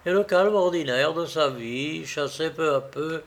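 A man narrating a novel as an audiobook, with a measured, dramatic reading. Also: on the high side, gravelly.

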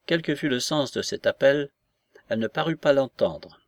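A man reading a novel aloud in an even, measured narration. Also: medium pitch, dry recording, clean studio sound. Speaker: audiobook narrator. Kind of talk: scripted literary narration.

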